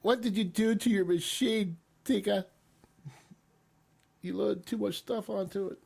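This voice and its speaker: Gravelly, husky man in casual chat. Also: high-pitched, steady tone, measured pace, darkish tone. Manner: easygoing, rambling with fillers. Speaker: streamer hosting a chat.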